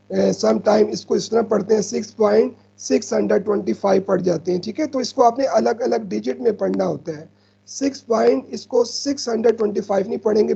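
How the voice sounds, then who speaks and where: Gravelly, husky male math teacher. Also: high-pitched, dark tone, dull audio. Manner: patient, repeats "ठीक है" often, mixes in English terms. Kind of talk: explaining over slides.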